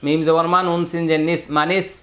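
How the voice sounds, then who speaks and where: A man teaching Quran reading in a Bangladeshi Bengali accent, spelling out letters and vowel marks, then chanting the words slowly. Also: on the high side, little pitch movement, a bit bright. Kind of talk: step-by-step recitation lesson.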